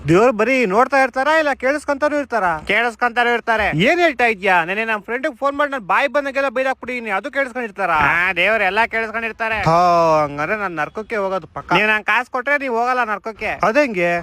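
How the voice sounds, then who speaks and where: A man's voice: very high voice, animated, very fast, pushed and bright, no room sound. A man with a Kannada accent performing a comedy sketch, trading pleading and teasing lines. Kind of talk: comic sketch dialogue.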